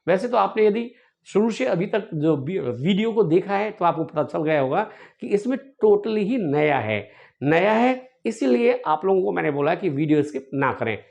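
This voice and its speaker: A male English teacher giving an online grammar lesson, drilling words by repeating them slowly and addressing viewers fondly. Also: high-pitched, lively intonation, vocal fry, darkish tone, muffled recording.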